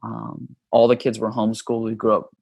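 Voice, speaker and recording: Low, flat-voiced man with a gravelly edge. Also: no echo. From Hawaii. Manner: easygoing, many ums, unhurried. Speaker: podcast guest, yoga teacher and author. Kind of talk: relaxed conversational storytelling.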